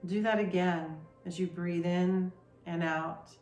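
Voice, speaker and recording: Slow, soothing woman guiding meditation. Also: fairly low pitch, fairly even intonation, echoey room, faint music behind. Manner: soft, slow, soothing instructions. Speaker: meditation guide. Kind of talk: guided meditation.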